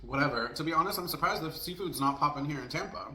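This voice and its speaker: A man with a slightly high, bright voice talks casually to his viewers. He rambles and vents candidly, like a food vlogger telling stories over a meal. The room is echoey, with a little background noise. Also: quick pace. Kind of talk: casual mukbang storytime chat to camera.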